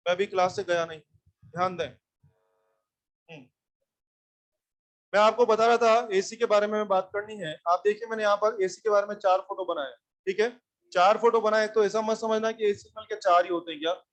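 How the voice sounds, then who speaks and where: A high-pitched male teacher lectures an electronics class in a blunt manner. He scolds his students and repeatedly checks whether they're following along.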